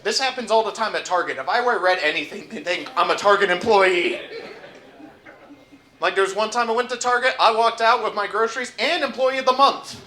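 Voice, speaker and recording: A young man from upstate New York doing a stand-up comedy set, trading wry deadpan asides for loud punchlines. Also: high voice, brisk. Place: comedy club at a resort. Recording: roomy club stage mic.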